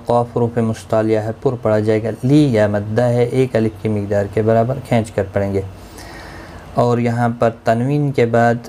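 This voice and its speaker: A man teaching Quran recitation rules, explaining each word in brisk, rule-by-rule steps and chanting the verses slowly. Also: mid-range voice, warm tone, a little hiss or hum. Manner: slow melodic Quran recitation between explanations. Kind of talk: tajweed lesson, explaining each word in Urdu.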